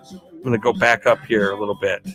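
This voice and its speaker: A man hosting a casual livestream hangout, chatty and upbeat, laughing often as he reads viewer comments and thanks people warmly. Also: lowish voice, flat delivery, fairly quick, soft background music. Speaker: livestream host. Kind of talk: casual live-stream chat, reading comments.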